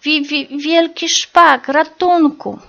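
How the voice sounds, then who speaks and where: A woman doing a shrill mother hoopoe. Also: fairly even intonation, slow pace, vocal fry, fairly bright tone, exaggerated voice. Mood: terrified. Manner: shrill, fussing. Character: anxious, devoted mother hoopoe bird. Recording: slightly dull recording.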